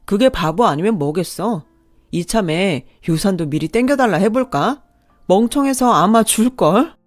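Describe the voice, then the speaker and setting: A woman's voice: mid-range voice, expressive, normal speed, dry recording, natural voice. A woman voicing a scheming adult son who talks in a contemptuous, mocking way.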